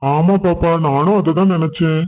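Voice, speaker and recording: A man doing a gentle, devout cartoon father. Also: a little high, moderate pace, lightly acted. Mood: reassuring. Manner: calm, reassuring. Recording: dull lo-fi sound.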